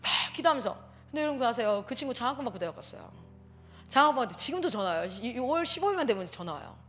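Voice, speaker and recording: Speaking rapid-fire at a church parenting seminar, a woman missionary tells animated stories full of emphasis and exclamations. Her voice sits on the high side, and soft music plays in the background.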